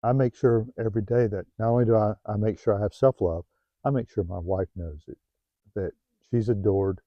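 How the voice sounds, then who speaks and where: A middle-aged man with a Southern US accent gives heartfelt self-help advice, often restarting his phrases and growing quieter when he gets personal. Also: on the low side, fairly quick, no echo, muffled recording. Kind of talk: earnest motivational talk to camera. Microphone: new home-video mic, dull sound.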